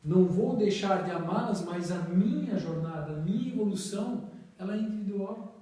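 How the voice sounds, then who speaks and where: Brazilian man, spiritist study leader, slow measured delivery, recorded far off in a very echoey room. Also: high-pitched, mellow. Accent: Brazilian Portuguese. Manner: slow, measured, trailing off at phrase ends.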